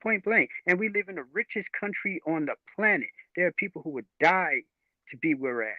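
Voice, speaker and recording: A man's voice: sits high, expressive, a little fast, no echo. A man speaking as a panel guest on a livestream, talking in an earnest, rambling way with restarts. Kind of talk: casual livestream panel chat. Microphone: video call. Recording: dry, tinny call audio.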